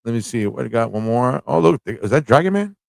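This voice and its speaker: A male livestream host rambles casually through chat and commentary, thinking aloud and repeating phrases in an informal, off-the-cuff way. His mid-range voice is animated, brisk and gravelly, and the recording sounds dry.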